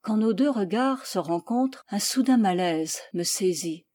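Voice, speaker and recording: Calm woman narrating a novel. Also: medium pitch, no room sound, studio quality. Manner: calm, measured. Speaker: audiobook reader. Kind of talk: first-person novel narration.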